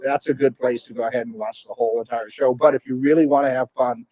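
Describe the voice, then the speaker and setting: A man's voice: medium pitch, steady tone, fast, dry recording, highs cut off. A man hosting a casual live talk show from a restaurant patio, chatty and folksy. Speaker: podcast host.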